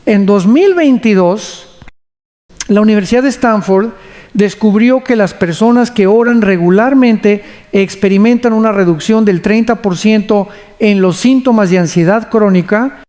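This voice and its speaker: A man preaches a devotional message in a solemn, measured voice. His voice sits high for a man, and he takes his time with every phrase. He also leads his listeners in prayer. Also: darkish tone. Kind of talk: devotional sermon narration.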